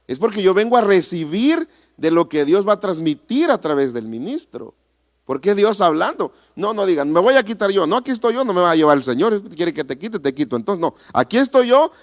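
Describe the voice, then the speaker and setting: A man preaching a sermon as pastor in a church, animated, asking the congregation rhetorical questions. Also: high-pitched, normal speed.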